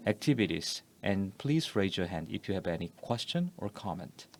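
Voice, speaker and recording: A man's voice: sits low, big pitch swings, normal speed, a little mellow. A man moderating a forum, speaking politely and formally as he opens the floor. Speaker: moderator and interpreter.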